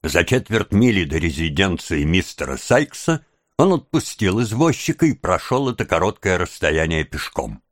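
A man reading an audiobook as narrator, with a measured, even storytelling delivery on a close studio mic. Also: sits low, dry recording. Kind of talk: scripted narration.

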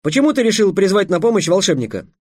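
A man's voice: sits high, sing-song, quick pace, darkish tone, no room sound, clean studio sound, voice pushed up. A man voicing an eager young apprentice wizard. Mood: earnest.

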